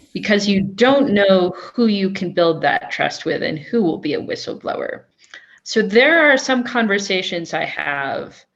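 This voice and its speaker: A woman's voice: fairly low pitch, fairly bright tone, lo-fi sound. A woman who is an investigative journalist, speaking thoughtfully in a webinar, with frequent restarts and fillers. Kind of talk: webinar talk.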